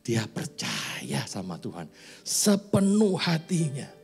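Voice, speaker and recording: A man's voice: mid-range voice, huge pitch swings, slow, vocal fry, darkish tone, breathy edge, faint music behind. A man in his forties preaching as a pastor in a church, chatty and joking between pointed, rising questions to the congregation. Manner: conversational, joking asides, rising emphatic questions. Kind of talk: sermon. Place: church sanctuary.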